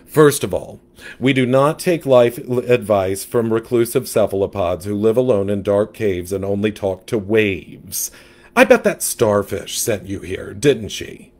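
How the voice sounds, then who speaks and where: A man's voice: lowish voice, lively intonation, unhurried, darkish tone. A man voicing a sassy, gossipy male catfish who dramatically gives life advice in a storybook. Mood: sassy advising.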